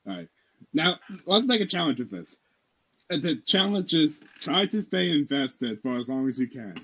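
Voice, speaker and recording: A man's voice: fairly high pitch, very animated, normal speed, fairly bright tone. A man co-hosting a casual podcast, joking around and reading textbook passages aloud. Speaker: podcast co-host. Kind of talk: casual chat. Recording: dull lo-fi sound.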